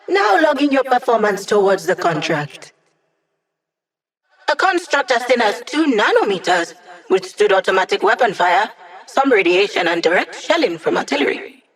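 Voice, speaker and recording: A woman's voice: mid-range voice, natural voice. Woman doing a young hacker girl for a video game, wry n playful, casual techy teasing, tech support for the bad guys. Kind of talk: video game character dialogue.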